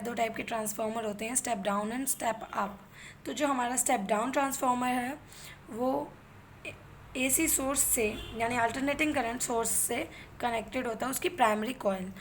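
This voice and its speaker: Her pitch is fairly high and her tone fairly bright, while a slight hiss or hum sits under the audio. The speaker, an Indian-accented physiotherapy instructor, lectures in two languages and keeps checking that the listener is following.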